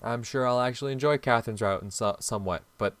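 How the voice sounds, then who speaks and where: A young man reacting to a visual novel, loud and profane, breaking into laughter. His mid-pitched voice jumps up when he gets worked up. Faint music plays behind him. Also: quick pace, no echo. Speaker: gaming YouTuber. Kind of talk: let's play commentary.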